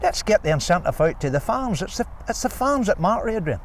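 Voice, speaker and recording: A man's voice: sits high, very animated, fairly quick. An older man with a Northern Irish accent making emphatic, persuasive points in an unscripted sports interview. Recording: faint outdoor traffic noise.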